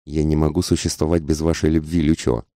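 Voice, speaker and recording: Man voicing a desperate, passionate society woman in an audiobook, intense pleading, very deep dark voice. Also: level tone, a little fast, no echo, studio quality. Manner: intense, whispering-angry pleading.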